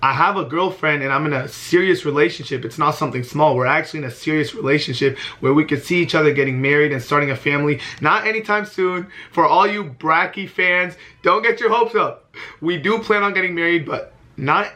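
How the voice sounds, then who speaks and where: A man's voice: on the high side, fairly quick, pushed and bright. A man in his early twenties talking earnestly to camera in a heartfelt vlog, often repeating himself for emphasis. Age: 20s. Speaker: vlogger.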